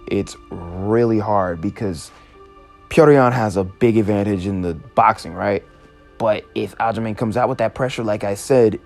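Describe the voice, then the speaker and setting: A man's voice: fairly low pitch, a little mellow, no room sound. A man hosting a casual fight-prediction talk, chatty and a bit sarcastic, with a loose, laid-back delivery. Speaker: MMA prediction host. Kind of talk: casual commentary.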